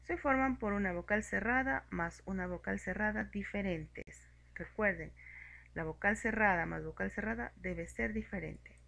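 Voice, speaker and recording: Slow, methodical woman teacher, gravelly edge. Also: medium pitch, a bit bright. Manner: slow, clear and methodical, spelling out examples. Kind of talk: grammar lesson narration.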